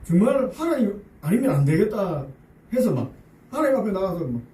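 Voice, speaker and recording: A man's voice: high voice, sing-song, fairly quick, warm tone, a little hiss or hum. A male pastor preaching a sermon, acting out pleading prayers and chuckling along with the congregation. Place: church sanctuary. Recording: roomy church sound from a distance.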